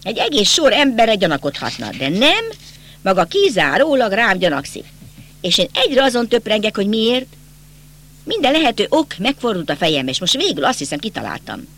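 A bitter, agitated young count, voiced by a man reading an audiobook presses and accuses in a bright, tense voice. His pitch leaps around with agitation. The speech is raised and insistent. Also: huge pitch swings, heavily acted.

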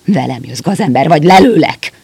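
A man voicing an old, desperate soldier and father who pleads in a halting, breathless way. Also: on the high side, vocal fry. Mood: threatening.

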